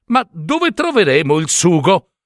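A man voicing a haughty young princess who talks in a shrill, mocking, imperious way. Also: sing-song, measured pace, dry recording, studio quality. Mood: amused. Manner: shrill, scornful, dismissive.

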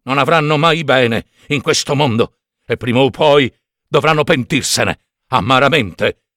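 A man's voice: mid-range voice, a bit bright, no room sound, clean studio sound, close to an everyday voice. A man voicing a patient, moralizing old male cricket who chirps as he speaks. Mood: lecturing. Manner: slow moralizing, chirps cri cri.

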